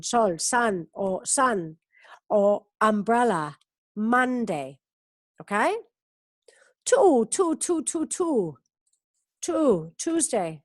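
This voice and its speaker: A woman teaching an English class over a video call. She drills each word slowly, stretches the sounds and keeps checking with "ok?". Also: mid-range voice, dry recording, clean studio sound. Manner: slow, drawn-out pronunciation drills with frequent "ok?" checks. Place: community centre in Barcelona.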